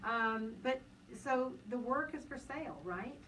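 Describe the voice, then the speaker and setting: A woman's voice: fairly high pitch, lively intonation, fairly bright tone, distant mic, rough recording. Chatty woman radio host, slightly off-mic. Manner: chatty, enthusiastic, quick interjections. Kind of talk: radio interview. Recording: voice a little off-mic with light noise.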